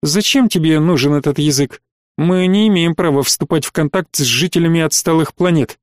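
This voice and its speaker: A man's voice: on the high side, brisk, dry recording, close to an everyday voice. Indignant woman starship captain, reproachful grumble, voiced by a male narrator, dry close sound.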